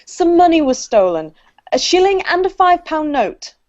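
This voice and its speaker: A woman's voice: very high-pitched, very animated, moderate pace, darkish tone. A woman reading an anxious wife who insists on reporting her missing cat, for a children's play. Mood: flustered. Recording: dull lo-fi video call audio.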